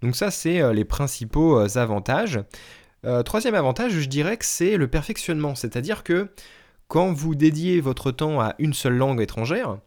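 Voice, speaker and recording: A man's voice: a little high, expressive, moderate pace, a little mellow. A man hosting a solo podcast who talks casually to his listeners, with frequent fillers and restarts. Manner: hesitant, many fillers, addresses listeners directly. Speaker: podcast host and language teacher.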